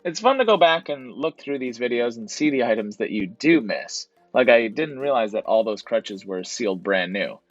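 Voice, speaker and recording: A man's voice: medium pitch, animated, moderate pace, few pauses, no echo, highs cut off, faint music behind. A man narrating his thrift store trip as a voice-over for his reselling vlog, in a casual, explanatory way. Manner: casual, explanatory, repeats "to be honest".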